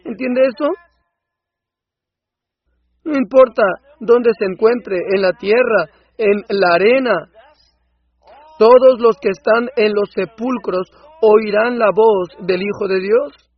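A man dubbing a sermon in an impassioned preaching manner that swells into loud outbursts, on a dull lo-fi recording. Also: high voice, slow pace, pauses often, breathy edge, dry recording. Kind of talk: Spanish voice-over of a sermon.

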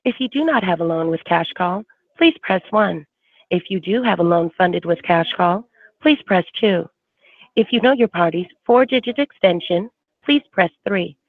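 A woman's voice: lowish voice, lively intonation, normal speed, no echo. A woman's recorded phone menu message, giving polite automated prompts over a phone line.

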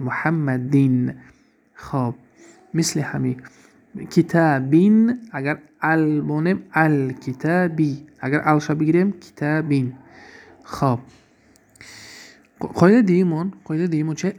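Man teaching grammar, fairly high voice. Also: gravelly, a little mellow. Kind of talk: classroom lesson on Arabic grammar.

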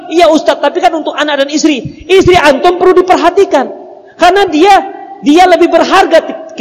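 A male preacher delivers an animated, humorous sermon, slipping into little acted exchanges. His voice sits very high. The recording carries the long reverb of a big hall. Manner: animated, joking, acts out little dialogues. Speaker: Islamic preacher.

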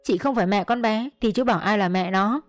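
A woman's voice: mid-range voice, a little fast, no room sound, soft background music, lightly acted. A woman voicing a scheming, cold-hearted woman who wheedles sweetly in a narrated audio story. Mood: mocking.

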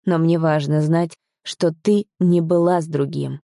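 A woman's voice: deep voice, steady tone, unhurried, creaky, mellow, dry recording, clean studio sound. A woman reading a smug, domineering young man. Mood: smug, commanding. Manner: mocking, commanding.

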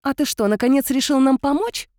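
A woman reading an audiobook, voicing a naive, sharp-tongued young woman from the hills who speaks in an indignant, surprised way. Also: high voice, fairly quick, dry recording, clean studio sound, pitched above the performer's own voice, natural voice.

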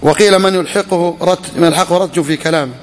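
A man's voice: sits high, fairly even intonation, quick pace. A man teaching a class on a legal text, questioning his students and repeating key phrases. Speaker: religious teacher. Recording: echoey hall.

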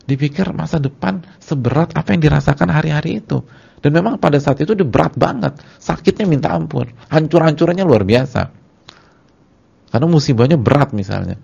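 Man, preacher, sermon, casual slang, repeats words for emphasis, husky gravelly voice, dull lo-fi recording. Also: a little high, animated, brisk, darkish tone. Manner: casual Jakarta slang with a congregation. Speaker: Islamic preacher.

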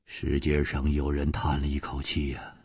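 Husky, dramatic male storyteller. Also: completely flat delivery, a little mellow, no room sound. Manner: dramatic, swinging pitch, slow drawn-out emphasis. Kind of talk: traditional Chinese storytelling.

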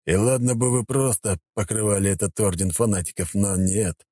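Cold commanding emperor, slow measured delivery, man voicing, husky low voice. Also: no room sound, clean studio sound, natural voice. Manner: calm, measured.

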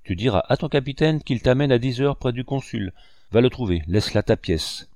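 A man voicing a brisk, commanding general who speaks through his nose, in a memoir reading. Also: medium pitch, lively intonation, darkish tone, dry recording, clean studio sound, natural voice. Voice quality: nasal. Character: nasal-voiced older male general, brisk and commanding.

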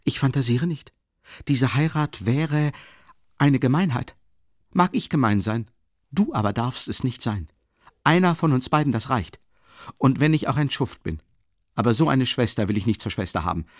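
A man's voice: medium pitch, lively intonation, moderate pace, dry recording, studio quality, voice pushed up. A man reading the part of a feverish, proud young man who speaks tensely and commandingly. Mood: strained defiant.

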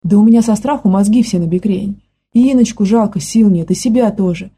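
A woman's voice: mid-range voice, warm tone, breathy edge. Woman reading as a scared, folksy young nanny. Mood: distressed telling. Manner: plain folksy talk, quick to panic.

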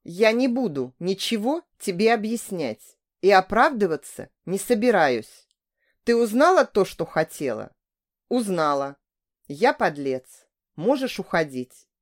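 Woman reading a cool, evasive married man, flat dismissive retorts, audiobook. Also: medium pitch, unhurried. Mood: cold. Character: calm, cold, evasive married man lover.

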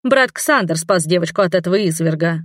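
A woman's voice: on the low side, expressive, moderate pace, no echo, studio quality, close to an everyday voice. Woman doing a bossy, fiery nun. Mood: effusive. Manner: insistent, loud and scolding. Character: bossy, hot-tempered middle-aged nun.

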